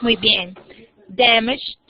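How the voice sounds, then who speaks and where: Speaking very slowly in a slightly high voice, a woman leads an online English class. She explains with patience, one step at a time, and models words for students to copy, recorded through a computer mic on a video call with a muffled, dry quality.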